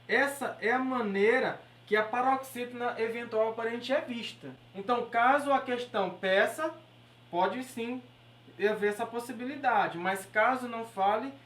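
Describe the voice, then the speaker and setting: The recording, echoey and distant from the mic with a little hiss or hum, captures a woman with a Brazilian Portuguese accent teaching exam-prep grammar. Her voice is fairly high and fairly bright, and she explains step by step, asking "beleza?" and "certo?" to check in with listeners.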